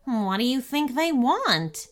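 A woman's voice: high-pitched, very animated, slow pace, pitched above the performer's own voice, exaggerated voice. A woman voicing a curious, chatty female cat in a storybook reading, with a matter-of-fact, slightly cheeky manner. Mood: worried.

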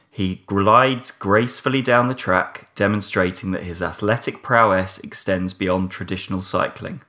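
A man putting on a malevolent sci-fi robot voice to read out a machine-written race analysis in a flat, mechanical delivery. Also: on the low side, natural voice. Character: malevolent sci-fi robot narrator, male, cold. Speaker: producer.

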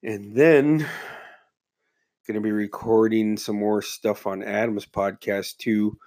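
A man's voice: lowish voice, steady tone, slow, darkish tone. Muffled, stuffed-up man rambling on a podcast. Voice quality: muffled, congested, stuffy-nosed. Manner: laid-back, rambling, heavy swearing. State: under the weather with a stuffy nose and slight cough. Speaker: podcast host. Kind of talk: casual solo podcast monologue.

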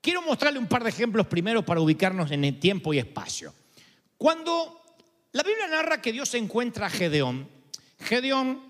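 A male preacher delivers a lively sermon with a high voice, and his pitch swings widely as he tells the story. He acts out each quote, and his words ring with a long reverb that fills a large hall. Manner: animated storytelling, acting out quotes.

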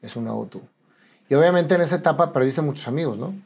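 A man hosting an interview, calmly summing up and finishing his guest's thoughts. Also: a little high, fast talker, gravelly, slightly rough. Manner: calm, sums up and finishes the guest's points. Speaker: podcast host. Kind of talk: conversational interview.

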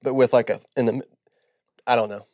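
A man's voice: mid-range voice, fairly even intonation, a little fast, a little mellow, no room sound, clean studio sound. A man co-hosting a podcast, telling dad jokes in a playful, teasing, giggly way. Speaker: podcast co-host. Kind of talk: casual chat, trading dad jokes.

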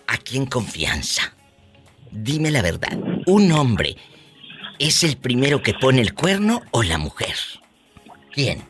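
A man's voice: medium pitch, huge pitch swings, takes it slowly, long pauses, music in the background. A man from Mexico hosting a call-in radio show, teasing callers with a theatrical, playful delivery. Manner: theatrical, teasing, bursts of laughter and catchphrases. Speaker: radio podcast host. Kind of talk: flamboyant call-in radio chat.

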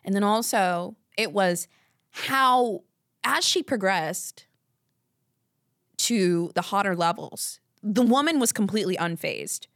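A woman's voice: mid-range voice, lively intonation, slow, a bit bright, no room sound, clean studio sound. A woman hosting a podcast alone, talking in a rambling, candid, casual way and swearing now and then. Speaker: podcast host. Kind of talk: casual solo chat.

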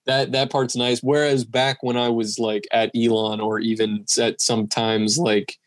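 A man's voice: medium pitch, little pitch movement, normal speed, dry recording. Hesitant young man, dry close sound. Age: 20s. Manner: rambling, hesitant, many restarts. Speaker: podcast co-host. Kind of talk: casual chat.

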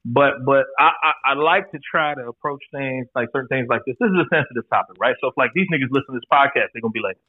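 A man's voice: mid-range voice, fast, hardly any pauses, no echo. A man in his forties talking as a podcast guest in a laid-back, candid, profane way. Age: 40s. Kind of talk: casual chat. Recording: tinny phone-like line, dry.

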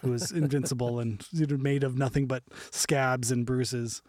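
A middle-aged man co-hosting a podcast in casual chat, acting out other people in an animated, jokey way. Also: normal speed, no room sound, clean studio sound. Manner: animated storyteller, acts out others in high voices. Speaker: podcast co-host.

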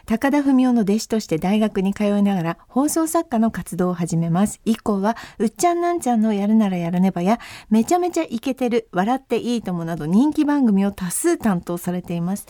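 A woman's voice: mid-range voice, lively intonation, brisk, hardly any pauses, mellow, dry recording, clean studio sound. A woman in her forties from Akita hosting a chat show, introducing her guest in a polite, announcer-like way. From Akita, Japan. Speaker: podcast host.

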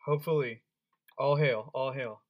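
A young man in his twenties co-hosting a podcast, chatting casually with quick, quizzical banter. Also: medium pitch, steady tone, highs cut off. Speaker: podcast co-host. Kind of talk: casual chat.

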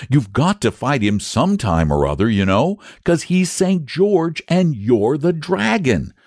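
A man's voice: very animated, a little slow, a little mellow, no room sound, studio quality, heavily acted. A man doing an anxious, pleading young boy. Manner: pleading and high-pitched.

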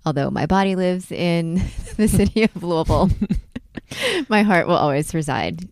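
A woman's voice: lowish voice, lively intonation, moderate pace, gravelly, a little mellow, no echo. Chatty American woman, dry close sound. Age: 40s. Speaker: podcast co-host. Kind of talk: casual sports chat.

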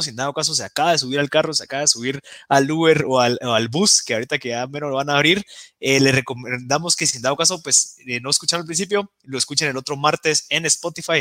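A man's voice: medium pitch, pushed and bright, no echo, studio quality. A man hosting a podcast, talking in a loose, rambling way with fillers. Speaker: podcast host.

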